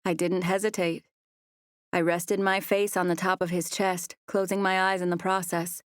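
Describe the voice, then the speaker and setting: A woman narrating a first-person romance audiobook in a soft, even storytelling voice on a close mic. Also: lowish voice, moderate pace, smooth, no room sound.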